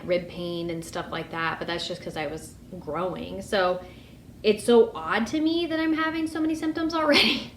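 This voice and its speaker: A woman's voice: medium pitch, echoey room, a little hiss or hum. A young woman giving a casual vlog update, chatty with lots of ums and likes. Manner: chatty, frequent ums and likes, light laughs. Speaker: vlogger.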